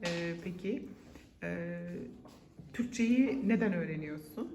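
A woman's voice: on the low side, lively intonation, slow pace, a little mellow. Encouraging female interviewer, noisy room. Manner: encouraging, rephrases questions simply. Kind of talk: casual chatty interview.

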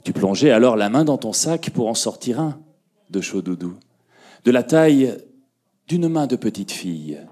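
A man telling a fairy tale to a conference audience, slow and expressive, dropping his voice and lifting it for effect. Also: medium pitch. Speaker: storyteller. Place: conference room.

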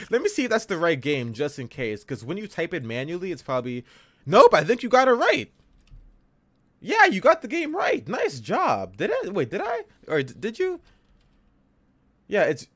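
A man streams a live game playthrough, talking in a high voice that leaps up and down with excitement. He chats loosely, full of slang and casual swearing. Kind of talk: live gameplay commentary.

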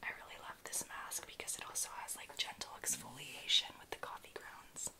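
Whispering young woman doing ASMR. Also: brisk. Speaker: ASMR host giving a massage. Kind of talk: soft-spoken whispered ASMR. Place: small bedroom, indoors.

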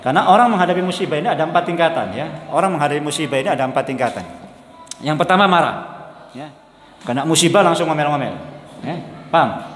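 A man's voice: fairly high pitch, expressive, quick pace, fairly bright tone. A man preaching a sermon, conversational and repeating his points. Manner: conversational, repeats points, mixes in Javanese words. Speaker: Islamic preacher. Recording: echoey hall, faint ambience.

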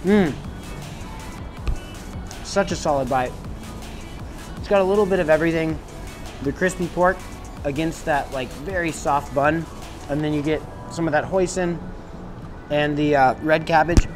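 A man's voice: on the high side, unhurried, long pauses. A man in his thirties hosting a casual food vlog, chatty and enthusiastic as he describes dishes and restaurants. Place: restaurant patios and city streets. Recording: music playing behind.

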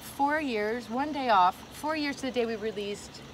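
A woman's voice: fairly high pitch, normal speed, a little hiss or hum, poor audio. A woman hosting a casual chat show, enthusiastic and chatty, often restarting her sentences. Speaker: host and show creator. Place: hot tub.

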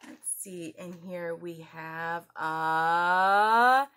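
A woman in her thirties draws out her words in a lowish, clear, resonant voice that's a bit bright. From a small indoor room at home, she presents a children's story time lesson, speaking straight to young viewers with exaggerated, encouraging questions.

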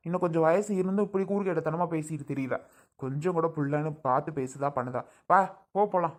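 A man playing a quick-tempered father who scolds his wife for upsetting their daughter in a drama skit. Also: a little high, close to an everyday voice. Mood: angry. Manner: gruff, scolding.

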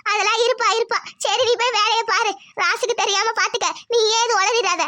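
A woman's voice: very high-pitched, steady tone, fairly quick, pushed and bright, no echo, voice pushed up. A woman voicing an older village mother-in-law, giving bossy, motherly advice in a cartoon. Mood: reassuring.

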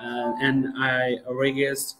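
A young man hosting a live English practice interview over a video call from a room at home, speaking haltingly with many fillers and repeatedly asking viewers to share. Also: mid-range voice, completely flat delivery, loud music behind the voice, rough recording. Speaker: host and teacher. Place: home room with starry painted wall. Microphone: webcam on video call.

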